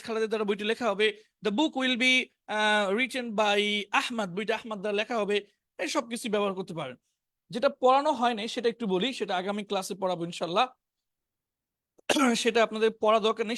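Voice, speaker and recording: A man's voice: sits high, a bit bright, no room sound, clean studio sound. Bengali-accented man teaching English vocabulary. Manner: reads word lists slowly, pairing each English word with its meaning. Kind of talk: online spoken English class.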